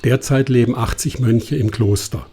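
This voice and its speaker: A man narrating a travel documentary in a calm, measured scripted voice-over. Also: mid-range voice.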